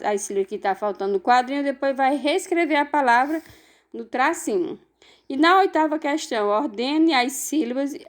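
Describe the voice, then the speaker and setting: A woman with a Brazilian Portuguese accent, teaching young children a remote lesson, explaining each step slowly and patiently. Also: a little high.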